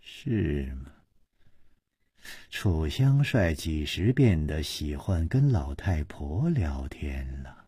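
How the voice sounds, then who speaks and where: Brief: man playing a suspicious young wife, low husky hiss, slow and probing. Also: warm tone, no echo, studio quality, exaggerated voice. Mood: sneering. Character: sharp-tongued young wealthy married woman, suspicious.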